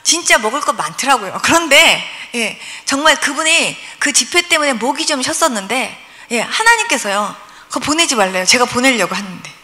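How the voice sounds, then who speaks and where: A woman's voice: sits high, brisk. A woman in her sixties, a pastor telling testimony stories at a revival sermon, acting out prayers and dialogue as she goes. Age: 60s. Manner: lively storytelling, acts out prayers and dialogue. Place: church revival meeting hall. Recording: long hall reverb.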